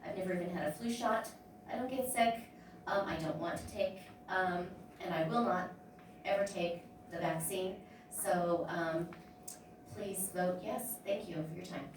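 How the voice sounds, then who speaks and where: A woman's voice: fairly low pitch, measured pace, a little hiss or hum. A woman in her fifties giving brief public testimony at a hearing, hesitant with many ums. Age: 50s. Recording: echoey hearing room from far off.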